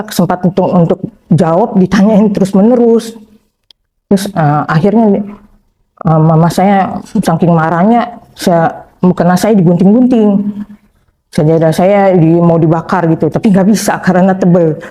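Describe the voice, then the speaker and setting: A young woman telling her own story in a plain, halting way with many fillers, quoting herself and others. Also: lowish voice, dark tone. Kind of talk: personal testimony.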